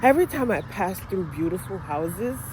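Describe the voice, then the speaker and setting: Her voice lowish and her pace moderate, a strongly accented Nigerian woman vlogs casually into her phone as she walks a residential street. By day a medical assistant, she comes across animated and frank, dropping swear words easily. Cars and general street sounds are plainly heard.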